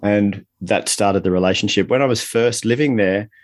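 A man's voice: on the low side, moderate pace, no echo. A middle-aged man speaking reflectively as an interview guest, explaining and telling stories in a conversational way. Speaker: interview guest, leadership coach.

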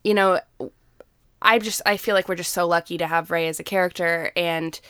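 A young woman co-hosting a podcast with a lowish, smooth voice. She is recorded dry and close, and she talks in an eager, gushing way, packed with fillers. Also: fairly even intonation, normal speed, fairly bright tone, no echo. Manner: enthusiastic, gushing, filler-heavy. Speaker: podcast co-host. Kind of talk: casual fan discussion.

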